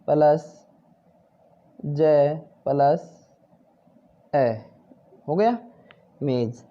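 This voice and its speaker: Patient teacher man, muffled lo-fi. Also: fairly high pitch. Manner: patient, repeats "ठीक है" and "भाई", asks then answers. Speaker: Hindi teacher. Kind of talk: explaining textbook exercise answers.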